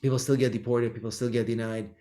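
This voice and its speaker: A middle-aged Israeli immigration lawyer, here as a guest, speaks at a quick pace in a warm, mid-range voice with flat delivery. He handles the interview questions thoughtfully, though with many ums and restarts.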